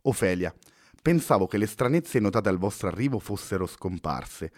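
A man voicing an excitable male poet who speaks in a formal, old-fashioned way, in a dry-sounding recording. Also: fairly low pitch, normal speed, no echo. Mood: irritated.

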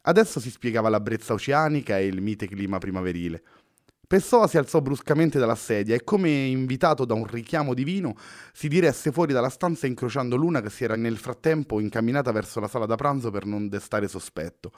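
A man reading a story aloud in a steady, even way. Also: medium pitch, brisk, dry recording, clean studio sound. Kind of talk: scripted story narration.

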